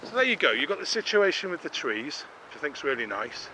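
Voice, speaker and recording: A man's voice: on the high side, big pitch swings, fairly quick. A middle-aged man narrating a casual walking vlog in a chatty, self-deprecating, rambling way, slightly out of breath, recorded on a camera mic. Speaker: vlogger. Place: outdoors on a woodland walk. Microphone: camera-mounted mic while walking. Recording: outdoor noise and clicking.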